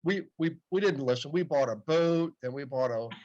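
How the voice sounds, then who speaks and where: A podcast guest in his late fifties, a man with a higher voice and darkish tone, tells stories at a moderate pace in a relaxed, chatty interview, often answering "yep." The audio is muffled and dull, with a little hiss or hum.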